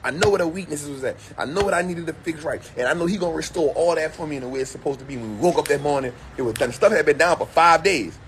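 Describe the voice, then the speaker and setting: A man's voice: a little high, very fast, hardly any pauses. A middle-aged man giving a casual motivational talk to camera, repeating his lines for emphasis like a preacher. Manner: repetitive, emphatic, preacher-like phrasing. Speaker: vlogger and motivational speaker.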